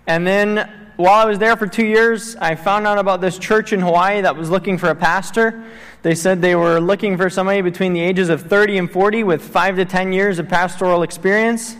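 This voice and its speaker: A man in his thirties, raised in Tanzania, delivers a missions talk in a church sanctuary, his fairly high voice carrying the long reverb of the hall. He's earnest and fills his speech with ums and uhs, speaking fairly quickly in a steady, clear, resonant tone that's a bit bright.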